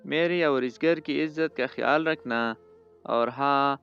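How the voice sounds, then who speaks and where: A man voicing a gentle, caring young husband who speaks tenderly and earnestly. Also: mid-range voice, clear, resonant tone, natural voice. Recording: dull lo-fi audio with faint music behind.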